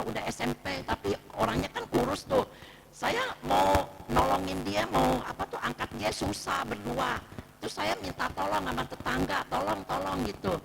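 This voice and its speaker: A woman tells her testimony in a strongly gravelly, creaky voice, acting out what each person said and tagging every quote with "I said." A clear layer of background noise runs under the recording. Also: fairly high pitch. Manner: retells events by quoting herself and others, repeating "I said". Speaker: speaker sharing a testimony at a morning fellowship.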